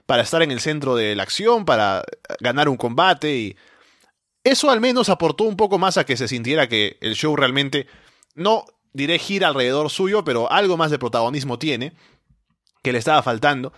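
A man co-hosting a casual podcast, relaxed and thinking aloud with small restarts. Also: fairly high pitch, normal speed, dry recording, clean studio sound. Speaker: podcast co-host. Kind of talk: casual wrestling podcast chat.

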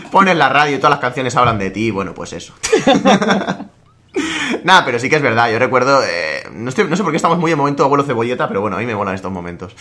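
A young man chats casually, laughing a lot and using plenty of slang. His voice is animated and bright, with a lot of movement in pitch. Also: fast talker. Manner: lively, laughs often, slangy. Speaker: podcast co-host. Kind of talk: casual chat.

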